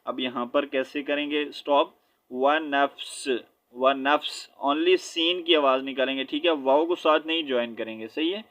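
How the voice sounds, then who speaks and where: A man teaching Quran recitation. He spells out letters slowly, chants the verses drawn-out, and explains quickly and patiently between them. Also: medium pitch, fairly bright tone. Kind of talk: tajweed lesson, spelling and reciting. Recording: dull lo-fi recording.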